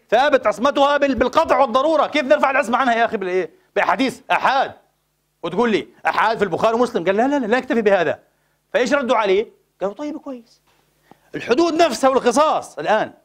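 Guy preaching a friday sermon, quick talker, keeps quizzing the crowd. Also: sits high. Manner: animated, peppered with rhetorical questions to the congregation.

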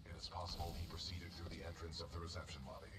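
BT, a man voicing a deep calm robot. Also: racing, background noise, close to an everyday voice. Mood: matter-of-fact. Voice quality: flat, precise, mechanical delivery. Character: calm literal-minded male combat robot. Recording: game audio with music behind.

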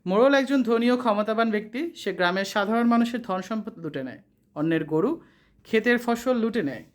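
An online tutor from Bangladesh, reading exam questions and answers in a brisk, steady voice-over. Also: medium pitch. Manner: brisk, steady read-aloud delivery.

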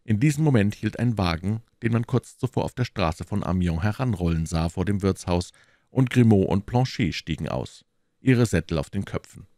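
Low-voiced expressive male storyteller. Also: normal speed, no echo, studio quality. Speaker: audiobook reader. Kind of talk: audiobook narration.

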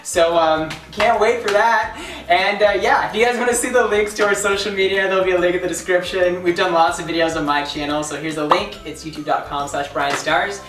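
A man's voice: high-pitched, fairly even intonation, brisk, few pauses, fairly bright tone, distant mic. Roomy-sounding young man hosting casually. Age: young adult. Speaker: video host. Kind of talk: casual joking chat. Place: small bare bedroom. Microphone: camera a few feet away. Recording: roomy, off-mic, music underneath. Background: music.

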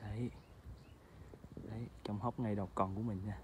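A man's voice: on the low side, moderate pace, noisy background. Chatty man vlogging outdoors by a stream. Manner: chatty, addresses viewers as family, excited exclamations. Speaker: food vlogger. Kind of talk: casual outdoor vlog narration.

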